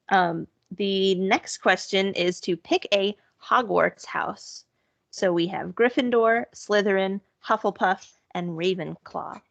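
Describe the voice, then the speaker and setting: A woman's voice: medium pitch, creaky, fairly bright tone, no echo. A woman co-hosting a podcast in casual chat, talking loosely with lots of fillers and easy laughter. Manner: chatty, laughs easily, many "sort of" and "like" fillers. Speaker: podcast co-host. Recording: dull, lo-fi podcast audio.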